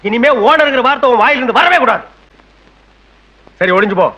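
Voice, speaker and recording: A man's voice: very high-pitched, animated, brisk, sharp tone, full character voice. A man playing a domineering local strongman who scolds and orders others around. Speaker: bossy local strongman in film. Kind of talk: film comedy dialogue.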